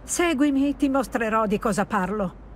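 A woman playing a brisk, encouraging older professor of magic in a video game, speaking in an articulate, instructive way. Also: on the high side, expressive, over music, close to an everyday voice.

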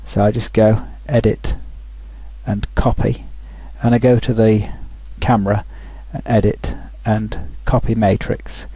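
A man talking through a software tutorial over a screen recording, thinking aloud with frequent restarts. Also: lowish voice, little pitch movement, unhurried, husky, no room sound, lo-fi sound.

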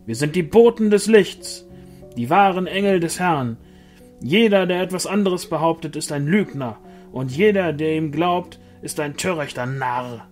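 A man's voice: medium pitch, expressive, slow, soft background music. A man voicing a commanding male angel warrior who speaks sternly in a storybook reading.

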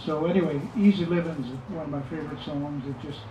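A man's voice: fairly high pitch, steady tone, fast talker, background noise. An older man giving casual remarks to an audience, rambling a little with fillers and restarts. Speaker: musician speaking at an event. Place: music shop, indoors. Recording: echoey room from far off, dull lo-fi.

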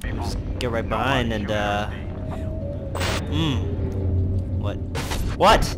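A young man playing a horror game, swearing, yelling and pleading at jump scares. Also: medium pitch, extremely slow, music in the background. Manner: jumpy, profane, yells and pleads at the game. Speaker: gaming YouTuber. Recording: noisy background.

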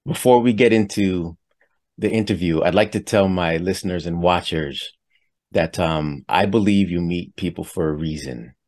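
Deep-voiced podcast host. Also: male voice, normal speed, darkish tone. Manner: earnest, friendly questioning. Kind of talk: podcast interview. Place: home studio. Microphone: headset with studio mic.

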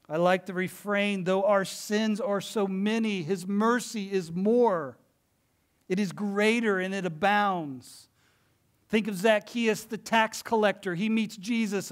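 Slow, earnest preaching man. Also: high voice, clear, resonant tone. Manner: storytelling, earnest and emphatic. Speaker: pastor. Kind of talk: sermon. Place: church sanctuary.

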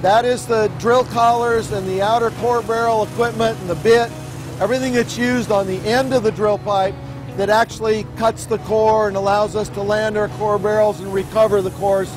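A man's voice: sits high, level tone, moderate pace. A middle-aged man giving an informative technical explanation, as a drilling expert on a tour.

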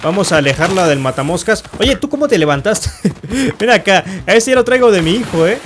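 Man, high-pitched voice, playful let's-play commentator who jokingly insults everyone and laughs a lot. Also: lively intonation, a little fast, a little hiss or hum. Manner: teasing, mock-insulting, laughs and yelps often. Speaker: gaming youtuber.

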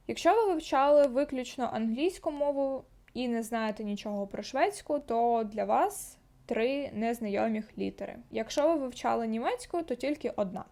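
A woman teaching a beginner language lesson, saying each example word twice, slowly and carefully. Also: high-pitched, darkish tone. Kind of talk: slow language lesson with repeated example words.

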